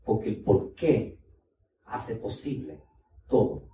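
A man's voice: fairly low pitch, sing-song, slow pace, dark tone, roomy sound, recorded from a distance, poor audio. A male pastor preaching a sermon, emphatic, repeating key points and talking straight to the congregation.

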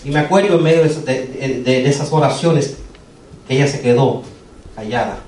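A man's voice: medium pitch, brisk, darkish tone, roomy sound, distant mic, slight background noise, rough recording. A man preaching a sermon, telling a personal testimony with earnest, urgent storytelling. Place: church sanctuary.

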